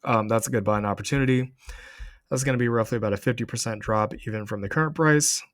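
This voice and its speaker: A man's voice: mid-range voice, fast talker, no room sound, clean studio sound. A man giving casual, explanatory market commentary as a channel host, talking viewers through price charts. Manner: explanatory, addressing viewers directly. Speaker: crypto trading channel host.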